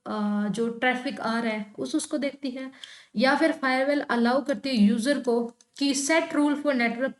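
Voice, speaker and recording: Expressive woman teacher, echoey room. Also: fairly high pitch. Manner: expressive, stresses words with rising and falling tone. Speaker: exam prep teacher. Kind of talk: explaining exam questions.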